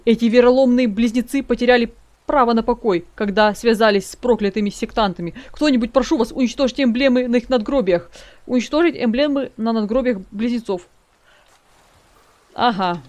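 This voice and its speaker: Woman gamer, slightly high voice, loose chatty commentary to her viewers while she plays. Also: darkish tone. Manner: chatty, talks to viewers as "guys", reads notes aloud. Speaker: let's play gamer. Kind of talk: casual gameplay commentary.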